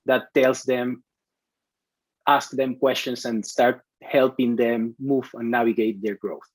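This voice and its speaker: A man from Venezuela in his thirties, a CTO answering interview questions in a halting way, full of restarts and fillers. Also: mid-range voice, little pitch movement, dry recording, rough recording. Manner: hesitant, many restarts and fillers. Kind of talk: conversational interview.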